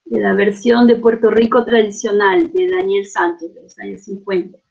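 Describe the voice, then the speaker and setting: A woman's voice: medium pitch, level tone, moderate pace, vocal fry, darkish tone, muffled recording, slight background noise. A woman giving an academic conference lecture, hesitant with many fillers and restarts, often checking in with tag questions.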